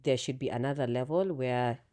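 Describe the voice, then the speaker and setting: A woman hosting a candid podcast interview, asking curious questions and encouraging her guest with soft murmurs of agreement. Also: very deep voice, moderate pace. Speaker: podcast host.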